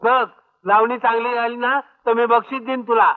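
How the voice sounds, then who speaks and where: A man's voice: very high voice, fairly even intonation, moderate pace. An actor playing a stern village man who gives blunt orders and threats, on a tinny old film soundtrack.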